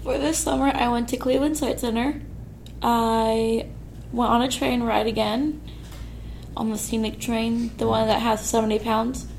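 A young woman, a high school senior, giving short plain answers with ums about her summer. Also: fairly even intonation, moderate pace, vocal fry, a crowd in the background. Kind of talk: casual interview answers.

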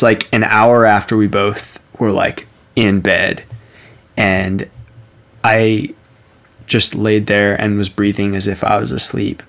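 A man telling a casual funny anecdote in an animated way, laughing as he goes. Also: lowish voice, gravelly. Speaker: storyteller.

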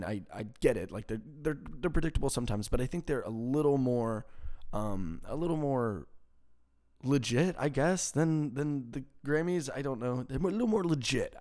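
Gravelly profane podcast host ranting. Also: male voice, medium pitch, darkish tone. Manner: profane, rambling, exasperated. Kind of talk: casual solo podcast rant. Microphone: home podcast mic with crackling.

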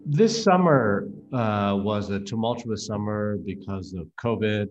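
Man, low voice, interview host, hesitant with fillers, dull lo-fi sound, music behind. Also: unhurried. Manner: hesitant, many "uh" and "um". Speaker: guest host, professor.

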